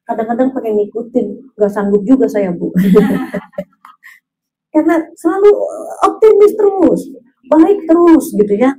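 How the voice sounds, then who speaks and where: A woman's voice: high voice, unhurried, long pauses, slightly rough, rough recording. A middle-aged woman preacher giving a religious study talk to women, telling stories and acting out the voices of the people in them. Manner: animated storytelling, acts out quoted voices. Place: mosque.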